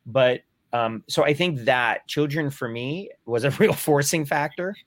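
A man's voice: mid-range voice, measured pace, no echo. A man in his forties talks in a casual group discussion. His speech rambles and restarts, with a self-deprecating tone. The recording is dry and close, with a mid-range voice.

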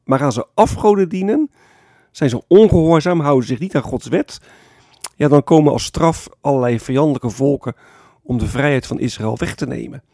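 Calm pastor with a dark voice. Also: male voice, mid-range voice, normal speed, no echo, clean studio sound. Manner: calm explanatory preaching with frequent "hè" tags. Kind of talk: sermon.

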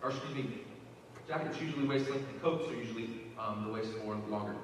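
A man's voice: medium pitch, quick pace, slight background noise. A male pastor, preaching a folksy, joking sermon to his congregation in a church hall. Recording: echoey hall, mic at a distance.

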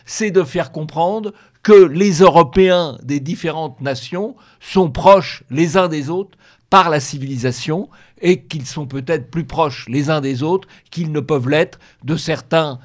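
A middle-aged man, an author interviewed on the radio, explaining his views in a measured, emphatic way and repeating key phrases. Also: on the high side. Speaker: author guest.

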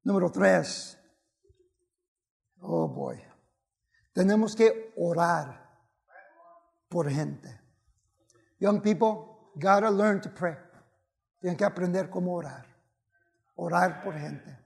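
Man preacher, gravelly voice, high pitch, unhurried, bilingual sermon. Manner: switches between Spanish and English, exclaims and shouts at peaks.

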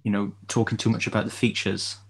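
A man's voice: fairly low pitch, level tone, fast talker, vocal fry, slightly rough. A man co-hosting a podcast in casual chat, hesitant, with many fillers and restarts. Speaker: podcast co-host.

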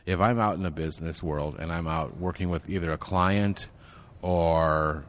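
A man's voice: deep voice, normal speed. A man being interviewed about his networking group, recorded in a large golf course banquet room where his voice rings with a big hall echo. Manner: steady and explanatory. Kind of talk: interview guest explaining at length.

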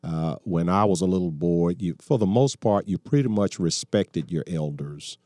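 An older man in his sixties hosts a call-in talk radio show. His voice sits very low and sounds warm and relaxed, caught dry and close on a studio mic. He talks in a folksy, preachy way that doubles back and restarts mid-sentence. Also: moderate pace, dry recording. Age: 60s.

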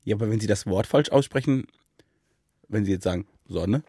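Husky man with dry joking remarks. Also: on the low side, fairly quick, dark tone, no echo. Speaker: podcast co-host. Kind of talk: casual chat.

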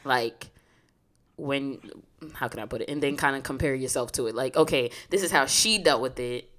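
A woman's voice: rumbling low, normal speed, a bit bright. A woman chatting casually and informally, asking questions and feeling out her phrasing as she goes.

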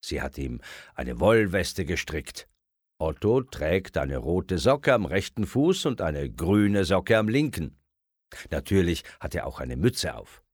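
A man reading a children's story aloud in an expressive storyteller style. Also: low-pitched, slow, breathy edge, no room sound, clean studio sound. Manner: expressive, acts out voices.

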